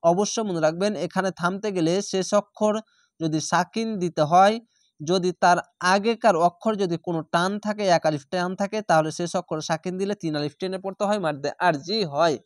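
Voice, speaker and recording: A Quran reading teacher giving an online lesson, patiently spelling Arabic words letter by letter and then reciting them slowly and drawn out. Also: medium pitch, no echo, clean studio sound. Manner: patient, repetitive instruction to viewers.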